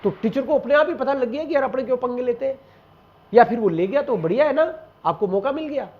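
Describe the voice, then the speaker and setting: High-voiced man teaching, lo-fi. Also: animated, fast talker. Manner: mixes Hindi with German example phrases, addresses students directly. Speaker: German language teacher. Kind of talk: casual classroom explanation.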